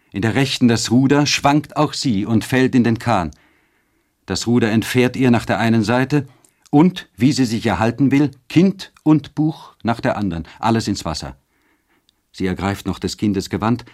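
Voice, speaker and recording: Man, audiobook narrator, deep voice, measured, expressive literary reading.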